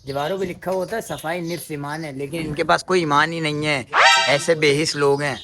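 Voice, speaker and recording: A man's voice: on the high side, steady tone, brisk, loud music behind the voice. A young man, chatting casually to camera as a family vlogger, playful and talking to viewers like friends. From Pakistan. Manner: chatty, playful, addresses viewers as guys and brother. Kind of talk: casual vlog narration to camera.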